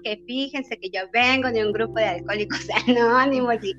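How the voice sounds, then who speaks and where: A woman with a Mexican accent, a single mother speaking as a guest in an interview, telling her stories in a lively, heartfelt way. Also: fairly high pitch, a little fast. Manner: warm, lively storytelling with laughter. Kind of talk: emotional storytelling interview. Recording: dull lo-fi audio with music behind.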